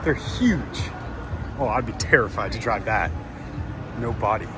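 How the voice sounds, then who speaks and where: A man vlogging outdoors at a racetrack on a handheld camera, talking in awestruck, excited bursts and sometimes out of breath. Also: fairly low pitch, a little slow, music in the background. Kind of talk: excited walk-around vlog.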